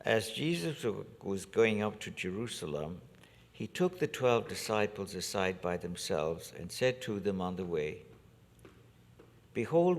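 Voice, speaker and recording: A priest reading the gospel and preaching a homily in a measured, deliberate liturgical manner, his voice carried by a cathedral-like church echo. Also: on the low side. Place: large church. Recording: long church reverb.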